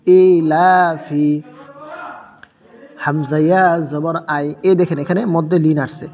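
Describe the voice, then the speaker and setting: A man's voice: fairly high pitch, steady tone, fairly quick, darkish tone, big-room sound, dull audio. A man teaching a Quran reading lesson, patiently spelling out letter sounds one by one and repeating them.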